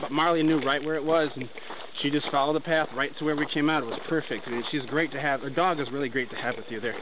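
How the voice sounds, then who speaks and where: Talking fast, on the high side, with fairly even intonation, a young man vlogs his forest hike. He rambles loosely while walking, holding the camera at arm's length. The recording has that tinny lo-fi camera quality and faint noise.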